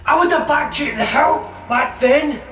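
Unhinged betrayed wrestler, wrestling promo, very high strained raging, echoey room. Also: male voice, moderate pace, pushed and bright, recorded from a distance. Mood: anguished rage. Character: unhinged, betrayed male wrestler threatening revenge.

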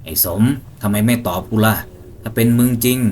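A low, flat-toned stranger who sounds calm and never frightened, with a dark edge underneath, as a storytelling man puts him on. He presses and commands without ever raising real fear. It is a spoken ghost tale. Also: brisk, a little hiss or hum, lightly acted. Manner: flat, even and unafraid. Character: eerie impostor hunter, calm then menacing.

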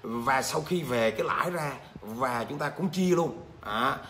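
A male business trainer, teaching a livestream lesson and answering viewer comments in a lively, repetitive way. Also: mid-range voice, measured pace, a little hiss or hum. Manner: animated, repeats phrases, rises sharply when rebutting.

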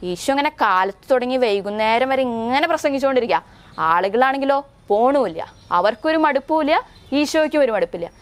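A young woman with a Kerala Malayalam accent and a fairly high voice leads a children's catechism class. She tells Bible stories in a gentle way, stops often to ask the little ones questions, and slows down to recite prayers. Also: animated. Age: young adult. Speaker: Sunday school catechism teacher. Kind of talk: storytelling lesson for young children.

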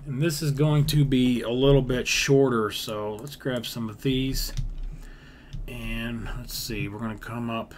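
Unhurried and fairly even in intonation, this medium-pitched man talks through his video game construction as a gaming creator. He repeats himself, leans on folksy grammar and thinks out loud, with keyboard sounds and background noise behind him.

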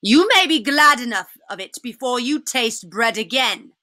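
Icy bossy witch queen, a lady doing her, higher and sharper, barks clipped orders. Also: expressive, moderate pace, bright, forceful tone, no room sound, clean studio sound. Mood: cold. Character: cold imperious queen witch, cruel and commanding.

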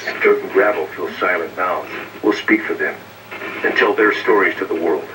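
An actor playing a solemn, defiant resistance radio broadcaster in a video game, grave and measured. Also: male voice, sits low, lightly acted. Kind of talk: scripted radio address. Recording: played from TV speakers, far, noisy.

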